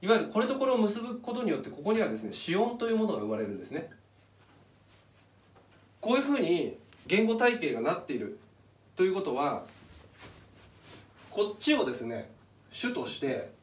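Man, casual explainer talk, points at a chart, animated pitch, roomy echo. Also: normal speed, pauses often. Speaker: channel host. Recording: echoey room, mic at a distance.

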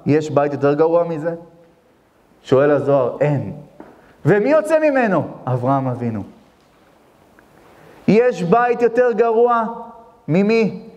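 A rabbi giving an impassioned sermon. He asks rhetorical questions and answers them himself, and his voice swings between loud and hushed. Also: a little high, big pitch swings, pauses often, highs cut off. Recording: long hall reverb.

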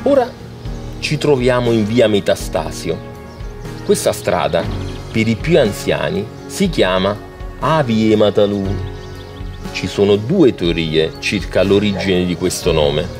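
A man's voice: low-pitched, sing-song, unhurried. A man narrating a documentary in an explanatory, storytelling way. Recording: music playing behind.

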